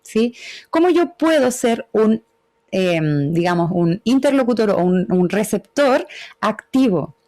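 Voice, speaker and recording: A woman's voice: fairly high pitch, expressive, measured pace, darkish tone. A woman gives an online lecture on communication over a video call. She explains patiently and often checks in with short tag questions. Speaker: webinar speaker.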